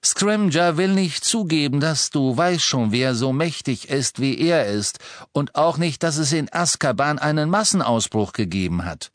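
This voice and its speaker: A man doing a fretful, halting wizard father. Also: on the high side, expressive, dry recording, studio quality, voice pushed up. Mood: worried. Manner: hesitant, sheepish, halting. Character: fretful middle-aged wizard father, tinkerer.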